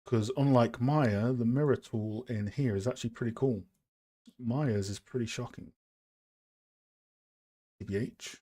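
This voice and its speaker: A man chatting loosely on a live stream, his voice sitting at a middle pitch. He rambles, fills gaps with ums and uhs, and makes fun of himself as he works. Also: unhurried, long pauses, warm tone. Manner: rambling and self-deprecating, many fillers. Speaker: streamer and game art host. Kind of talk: casual live-stream chat while modeling.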